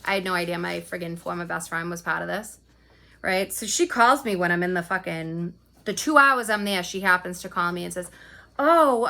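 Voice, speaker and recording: Speaking in a lowish, sharp voice with vocal fry, a mother vents to the camera about her custody fight. The rant is heated and full of profanity, and she often ends points with "right?"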